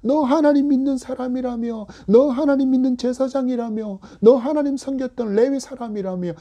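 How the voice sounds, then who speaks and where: A pastor voicing a scornful mocker who taunts a believer in a jeering tone. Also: male voice, very high-pitched, dark tone, voice pushed up. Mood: mocking. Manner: jeering, rapid-fire taunts.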